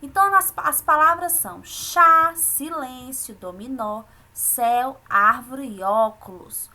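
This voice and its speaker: A woman's voice: high voice, slow pace, bright, forceful tone. A Brazilian woman teacher giving a recorded lesson to young children, explaining each exercise patiently step by step. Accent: Brazilian Portuguese. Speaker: primary school teacher.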